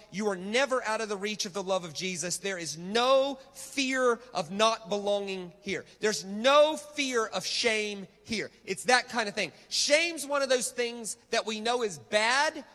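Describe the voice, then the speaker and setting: Guy preaching, high punchy voice, chatty but emphatic, big echoey church hall. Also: sharp tone. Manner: emphatic, conversational, rhetorical repetition. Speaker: visiting preacher. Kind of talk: sermon with slides. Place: large reverberant church hall. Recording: reverberant hall sound.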